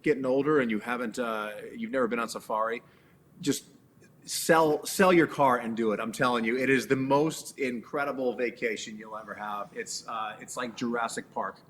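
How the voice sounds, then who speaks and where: Male guest, mid-pitched, chatty storyteller with frequent ums and restarts. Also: moderate pace, a little hiss or hum. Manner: animated storyteller with many fillers and restarts. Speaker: guest, animal trainer. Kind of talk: casual interview chat.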